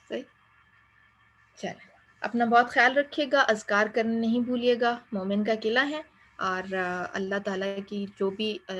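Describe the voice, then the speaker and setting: A woman giving an encouraging Islamic course lecture, slipping English phrases into her talk. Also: medium pitch. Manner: gentle, encouraging, mixes English into Urdu. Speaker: Islamic studies teacher.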